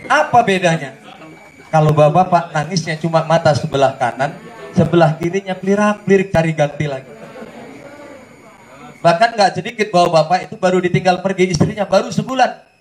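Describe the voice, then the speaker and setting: High-voiced joking Indonesian preacher. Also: male voice, fairly quick, rough recording. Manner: joking, questions the audience directly, sings snatches. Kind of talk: lively sermon to a live congregation.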